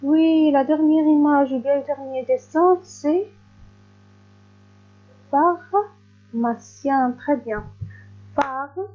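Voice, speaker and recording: A woman teaching a recorded reading lesson to young pupils, stretching each word slowly and clearly with patient encouragement. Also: sits high, dull audio. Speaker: primary school teacher.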